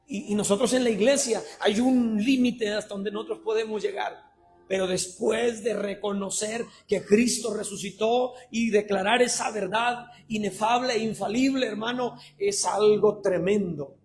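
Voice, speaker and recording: A man preaching a sermon, swinging between shouted passionate lines and low conversational asides. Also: steady tone, normal speed, faint music behind.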